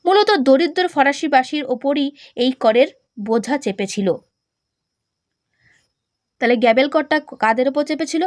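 A woman's voice: high voice, normal speed, long pauses, no echo, studio quality. A woman teacher giving a classroom lecture. She explains each point, then quizzes the listener with repeated questions.

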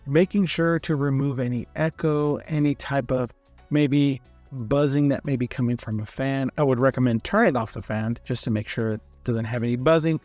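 Calm man walking through a software tutorial. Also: mid-range voice, no room sound. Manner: relaxed, step-by-step, friendly explaining. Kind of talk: screen-recorded software tutorial.

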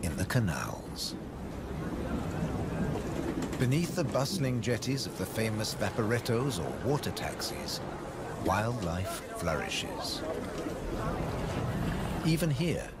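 Deep-voiced man narrating a nature documentary, lively intonation. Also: slow, long pauses, very noisy. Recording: loud music under studio narration. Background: prominent music.

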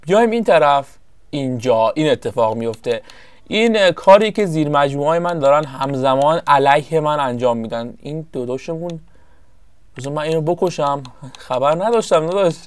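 A man giving casual, rambling commentary over his own strategy game session, often pausing to search for the right word. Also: on the high side, smooth, no room sound. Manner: chatty, rambling, searches for words. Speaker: gameplay commentator.

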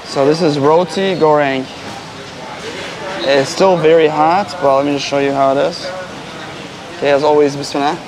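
Pausing often, an American travel vlogger with a slightly high, steady voice explains local food and words at a moderate pace. The rough recording picks up crowd noise plus traffic and street sounds from the busy city street he's on.

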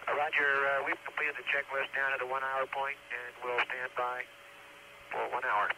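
A man's voice: mid-range voice, level tone, moderate pace. An astronaut, a man, giving brief procedural replies over a spacecraft radio transmission. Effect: distant radio transmission. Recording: very noisy spacecraft radio link.

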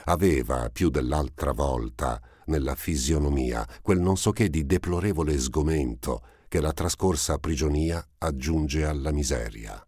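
A man narrating a novel as an audiobook, reading in a measured, even way. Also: very deep voice, husky, dry recording, studio quality.

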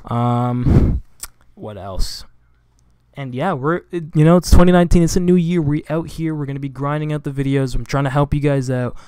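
A young man talks through a game tutorial in a loose, rambling way, stopping to correct himself and fill gaps. His voice comes across smooth and clean. The room sound is dry and close on a desk microphone. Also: on the high side, moderate pace, mellow, dry recording. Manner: rambling, full of fillers and self-corrections. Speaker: gaming video creator. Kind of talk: casual game tutorial voice-over. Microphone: desk USB microphone.

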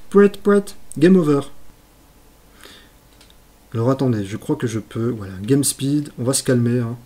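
Guy streaming old games, keeps yelling at the screen, darkish mellow voice. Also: medium pitch, a little slow, pauses often. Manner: excitable, exclaims and talks to himself while playing; self-mocking asides. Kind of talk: live gameplay commentary.

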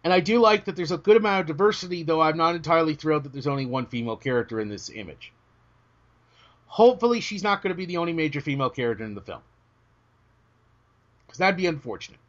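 A British man co-hosting a casual podcast chat, joking and cutting himself off, his voice starting to go hoarse. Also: a little high, fast, pauses often. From Britain. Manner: animated, joking, self-interrupting. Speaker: podcast co-host. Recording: dull lo-fi audio.

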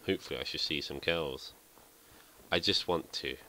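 A man's voice: rumbling low, moderate pace, bright, forceful tone, slight background noise. A man giving casual, rambling gameplay commentary as a let's play host, thinking aloud and poking fun at himself.

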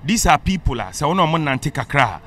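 A man's voice: on the high side, big pitch swings, a little fast, sharp tone, slight background noise. A Ghanaian man in a casual podcast chat, giving blunt opinions and switching between English and a local language. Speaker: podcast guest.

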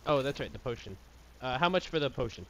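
A man playing a tabletop game, speaking quietly and politely with hesitations. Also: medium pitch, lively intonation, fast, poor audio. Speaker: player. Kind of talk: casual tabletop game chat.

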